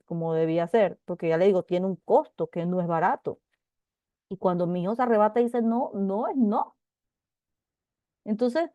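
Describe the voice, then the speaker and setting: A middle-aged woman teaching a Bible class, talking in an animated, chatty way with many asides and restarts. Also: on the high side, no room sound. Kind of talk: casual testimony in a Bible class.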